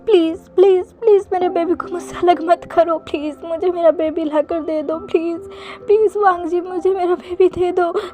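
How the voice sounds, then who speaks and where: A woman's voice: extremely high pitch, brisk, soft background music, voice pushed up. A woman voicing a desperate young man who pleads through tears in a narrated story. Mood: sobbing. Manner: pleading, sobbing.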